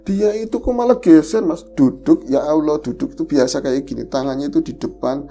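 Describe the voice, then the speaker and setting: A man tells a personal horror experience as a podcast guest. He retells it in a lively, fearful way. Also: fairly high pitch, fairly quick, faint music behind. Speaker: guest storyteller.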